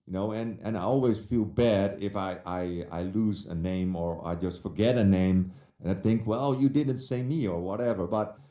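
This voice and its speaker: A man's voice: low-pitched, moderate pace, warm tone, roomy sound. A man from the Netherlands with a Dutch accent, a guest telling his story in casual chat, hesitant and full of restarts. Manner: hesitant, many restarts and fillers.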